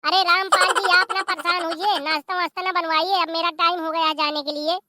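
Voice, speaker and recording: A voice actor playing a meddling male friend visiting from abroad in an animated comedy, teasing and handing out advice. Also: very high voice, fairly quick, no room sound, clean studio sound, heavily acted.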